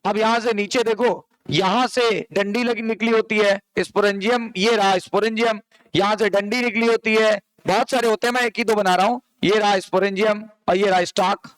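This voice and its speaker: A man's voice: sits high, steady tone, moderate pace, fairly bright tone, clean tone, no echo, rough recording. A man teaching a biology lesson, asking students questions and answering them himself, explaining with everyday comparisons and repetition. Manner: quizzes students and answers his own questions. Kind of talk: classroom lecture.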